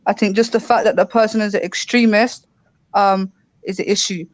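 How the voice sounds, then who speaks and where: A woman with a London roadman way of talking, recorded close and dry. She argues casually as a panellist, full of street slang, hammering points home by repeating them at a middling pitch. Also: steady tone, moderate pace, no echo, poor audio. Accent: London street slang (roadman) English. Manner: slangy, emphatic, repeats herself for emphasis. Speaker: panellist on online debate show.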